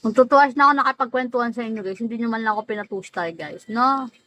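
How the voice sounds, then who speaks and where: A woman hosts a casual livestream, greeting viewers and teasing them by name, laughing often and stretching names out. Her voice is a little high, fast and sharp-toned, in a rough recording with slight background noise.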